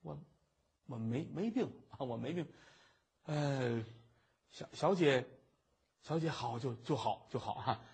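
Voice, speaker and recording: A man voicing a flustered, lovesick young scholar who stammers and gets easily excited, in traditional comic storytelling. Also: mid-range voice, measured pace, long pauses, husky, voice pushed down, exaggerated voice. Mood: timid.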